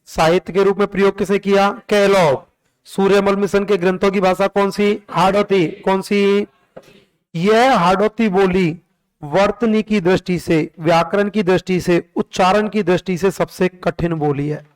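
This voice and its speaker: A man's voice: high-pitched, steady tone, measured pace, smooth. A man teaching a class, drilling questions and answers over and over and calling on the students to respond.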